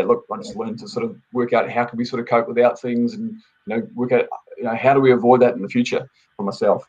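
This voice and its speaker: A man's voice: mid-range voice, a little mellow, slightly rough, lo-fi sound. A man from New Zealand with a New Zealand accent, a podcast guest telling his story steadily, with many fillers. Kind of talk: casual podcast interview.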